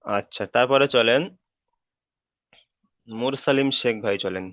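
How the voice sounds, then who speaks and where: A man leads an online Quran reading class, walking each student through the letters and patiently fixing their mistakes. His voice sits at a middle pitch and sounds dry and close. It comes through a narrow, phone-like call line. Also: takes it slowly, no echo. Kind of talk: online tutoring. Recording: thin phone-like call audio.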